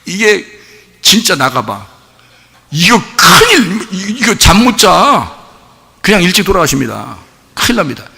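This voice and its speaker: A male pastor preaching a sermon, animated, with rhetorical questions, swinging between shouting and low asides. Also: measured pace, vocal fry, pauses often. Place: church sanctuary. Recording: long church-hall reverb.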